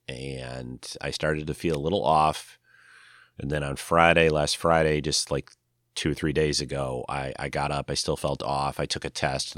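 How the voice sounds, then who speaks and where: An older man with a nasal, congested voice, tired from a cold, talking casually and haltingly as he hosts a solo podcast. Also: rumbling low, dry recording, clean studio sound. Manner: halting, rambling. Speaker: podcast host.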